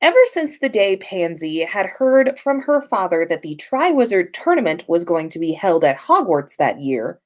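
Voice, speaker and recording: This podcast host's voice sits on the low side, with big pitch swings, a normal speed and few pauses. Hosting a livestream, she chats loosely and reads fan fiction sent in by listeners, keeping things playful, sweary and full of self-interruptions.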